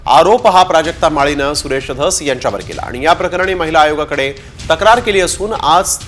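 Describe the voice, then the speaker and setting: A man reading television news bulletins in a formal, steady way. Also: a little high, brisk, soft background music. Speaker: news anchor.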